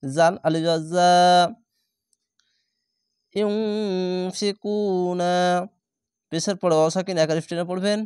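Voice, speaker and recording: A man leads a patient recitation lesson, breaking each word into letters and vowel marks before chanting it slowly. His voice sits a little high and rings smooth and clear. The sound is dry and close. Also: steady tone, a little mellow, no room sound. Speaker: Quran recitation teacher.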